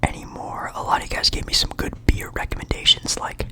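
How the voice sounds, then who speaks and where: A young man from Portland whispering a relaxed, rambling ASMR chat in his apartment. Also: fast talker. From Portland, Oregon, USA. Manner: soft rambling whisper, friendly and chatty. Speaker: ASMR creator.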